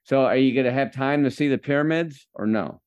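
A man's voice: mid-range voice, fairly quick, darkish tone, clean tone, highs cut off. A man hosting a faith-based podcast interview, enthusiastic and preacher-like as he encourages his listeners. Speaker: podcast host.

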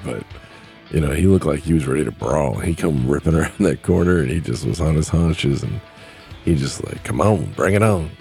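A man's voice: rumbling low, creaky, mellow. A man hosting a casual solo podcast, rambling and plainspoken, choking up with grief. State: grieving, choking up. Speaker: podcast host.

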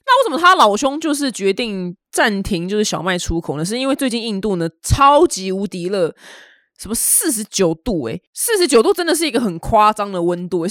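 A woman's voice: fairly high pitch, fairly bright tone, no echo, clean studio sound. A woman from Taiwan, hosting a casual news commentary in a chatty, opinionated way.

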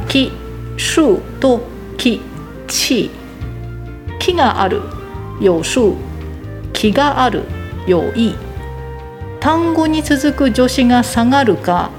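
A woman teaching a language lesson in a slightly high voice, repeating example phrases carefully and clearly. Music plays clearly behind her. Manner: slow, careful demonstration of word accents.

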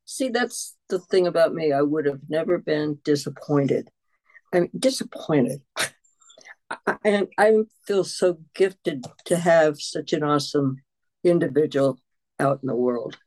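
A woman guesting on a podcast as a mother, speaking in a warm, affectionate, encouraging way. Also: low-pitched, measured pace, poor audio. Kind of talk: casual podcast interview.

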